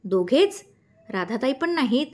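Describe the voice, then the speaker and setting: A woman's voice: fairly high pitch, big pitch swings, measured pace, darkish tone, pitched above the performer's own voice. Woman voicing a teasing older husband. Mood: playful. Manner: playful, loving.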